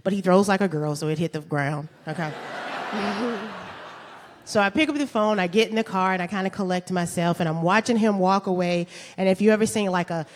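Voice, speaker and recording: Woman storyteller, lively and laughing, recorded live in a reverberant hall. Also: medium pitch, a little fast. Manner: animated, laughing, comic asides. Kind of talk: live true-story telling.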